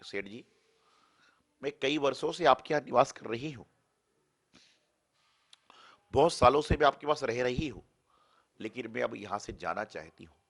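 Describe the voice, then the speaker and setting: A man voicing the goddess Lakshmi, gentle and steady. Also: medium pitch, moderate pace, gravelly, long pauses. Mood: calm. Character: calm goddess of wealth, female, restless wanderer.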